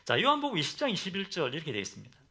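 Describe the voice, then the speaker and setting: A man preaching a Sunday sermon as pastor. He asks the congregation questions and ends phrases softly for emphasis. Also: wildly swooping pitch, racing, slightly rough. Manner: drops to soft, low endings for emphasis.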